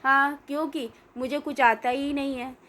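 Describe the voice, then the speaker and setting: A woman voicing a naive, cheeky village boy who gives earnest, deadpan answers in a comic storybook tale. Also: high-pitched, moderate pace, a little hiss or hum.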